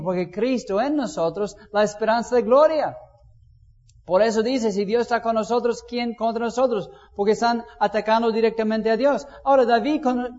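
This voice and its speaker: A man preaching a sermon in a conversational way, asking the congregation questions and acting out prayers. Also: sits high. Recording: muffled, reverberant hall.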